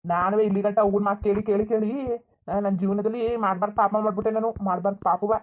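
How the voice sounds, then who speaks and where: A voice actor playing an angry young man who scolds his family in a village cartoon, shouting and bitter. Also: mid-range voice, fairly even intonation, a little fast, faint music behind, close to an everyday voice. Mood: furious scolding. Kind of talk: Kannada village cartoon dub. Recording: tinny phone-like audio.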